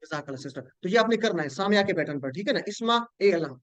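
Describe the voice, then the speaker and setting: A man's voice: high voice, animated, fast talker, no echo. A man teaching an online class, patiently drilling word patterns with his students.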